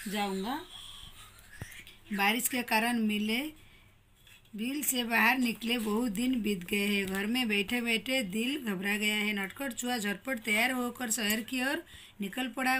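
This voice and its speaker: Female teacher, higher voice, reads a picture-book story aloud to small children, faint hiss behind. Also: pushed and bright. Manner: storybook reading, voices raised for quoted characters.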